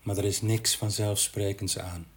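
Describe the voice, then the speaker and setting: A man guiding a body-scan meditation in a gentle, unhurried manner with long pauses. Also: on the low side, level tone. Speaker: meditation guide.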